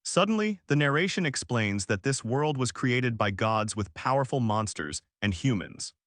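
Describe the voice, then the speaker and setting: A man's voice: medium pitch, lively intonation, moderate pace, fairly bright tone, dry recording, clean studio sound. A man narrating a comic recap in a scripted storytelling voice.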